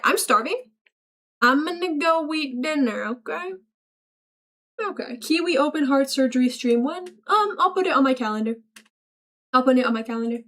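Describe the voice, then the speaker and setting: A woman's voice: high-pitched, fairly bright tone. A young woman streaming, reading chat aloud and joking back in a playful, mock-serious way. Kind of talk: casual livestream chat.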